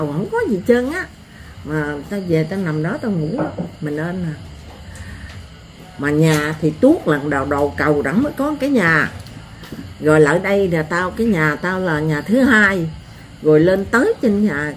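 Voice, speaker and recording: An older woman with a Southern Vietnamese accent, telling stories in a blunt, earthy, animated way as an interviewee. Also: on the low side, normal speed, a little hiss or hum. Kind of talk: rural storytelling.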